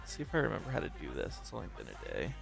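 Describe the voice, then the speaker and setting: A man's voice: fairly low pitch, huge pitch swings, racing, creaky, music in the background. A man streaming, chatting casually and joking with his co-streamer while greeting his chat by name.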